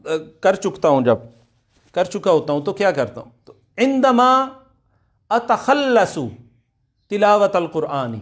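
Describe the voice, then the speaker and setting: Guy teaching arabic, high voice, says each word slow and again and again. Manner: slow, repeats Arabic words many times for drilling; explains in Urdu, asks students to repeat aloud. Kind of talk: online class lecture.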